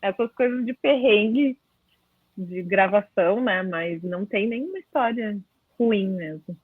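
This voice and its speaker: A woman's voice: mid-range voice, a little slow, slightly rough, dry recording. A Brazilian-accented woman, a film director, chatting casually and reflectively in an interview. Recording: dull, dry call audio.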